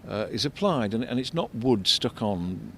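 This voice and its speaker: An older man giving unscripted commentary as an architect and local guide, discursive and explanatory, halting and repeating words. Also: animated, gravelly. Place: outdoors in a shopping street. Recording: vehicle rumble, street noise. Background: faint street traffic rumble.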